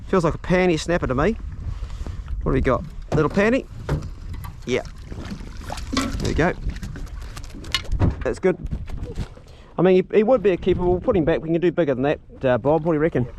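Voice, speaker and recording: Vlogging from a farm and a small boat, this broad-accented New Zealand man keeps up casual, slangy, matey commentary. His voice is a little high with lively intonation and a moderate pace broken by frequent pauses, and heavy wind and boat noise run underneath.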